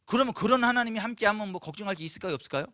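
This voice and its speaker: Male pastor, high bright tense voice, emphatic sermon with rhetorical questions, dry close sound. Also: rapid-fire, no echo. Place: church, Friday night service.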